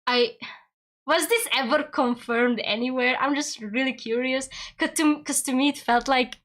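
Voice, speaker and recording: Chatting with her viewers while streaming a game, this young woman giggles, rambles and speaks in fast, excited bursts. Her first language is Hungarian, and her voice is high-pitched.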